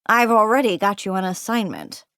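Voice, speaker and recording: A woman voicing a gruff, bossy male newspaper editor in an audiobook, speaking bluntly and emphatically in a cozy mystery narrator's performance. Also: medium pitch, expressive, normal speed, a bit bright, no room sound, studio quality. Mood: firm, dismissive. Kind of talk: audiobook character dialogue.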